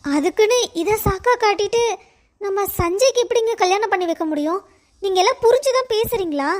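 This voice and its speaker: A woman's voice: very high-pitched, lively intonation, a little fast. A woman doing a stubborn, anxious cartoon mother. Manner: pleading then stubbornly arguing.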